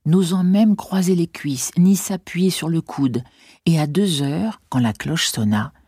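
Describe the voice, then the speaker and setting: A measured, expressive reader narrating a classic novel as an audiobook. The voice sits in a middle register and sounds dry and close, with no room around it. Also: mid-range voice, breathy edge, no room sound. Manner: measured, expressive literary reading.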